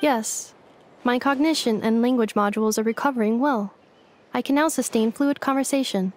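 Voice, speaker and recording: The voice of a polite, literal-minded female robot in a video game comes from an actress reading scripted dialogue, lightly acted, in stilted, formal and emotionless phrases. She sounds flat yet curious, on the high side at normal speed, with a little hiss or hum.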